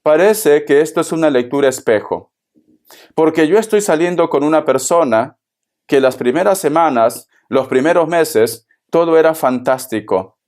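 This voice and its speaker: A man's voice: fairly high pitch, lively intonation, normal speed, a little mellow, lightly acted. A man voicing a worried, lovesick tarot client who rambles through an anxious confession.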